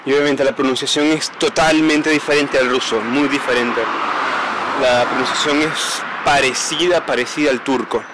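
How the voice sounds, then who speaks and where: Guy walking around at dawn reading signs out loud, spells letters one by one, faint traffic behind. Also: medium pitch, fairly even intonation, normal speed. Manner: casual, spells out letters, repeats himself. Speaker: travel vlogger. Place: empty city streets outdoors at dawn.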